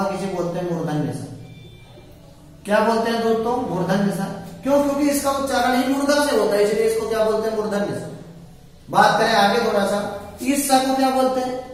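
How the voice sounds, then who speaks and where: A man's voice: high voice, a little hiss or hum. A man teaching an exam-prep grammar lesson, asking questions and answering them himself. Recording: echoey room, voice from far off.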